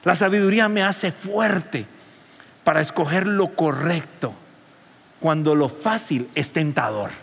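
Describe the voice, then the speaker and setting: A man preaching a sermon as pastor, animated and rising to near shouts. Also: a little high, a little slow, creaky, husky, in a large hall.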